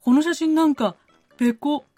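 A woman's voice: high voice, moderate pace, dark tone, no echo, voice pushed up, lightly acted. A woman doing teasing young boy Sora-kun. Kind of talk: radio comedy skit.

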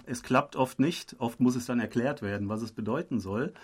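A man co-hosting a radio talk program, speaking at a medium pitch in a loose conversational way. He stops often on drawn-out filler sounds while he searches for the next word. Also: breathy edge. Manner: hesitant, many filler sounds. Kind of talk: conversational explaining.

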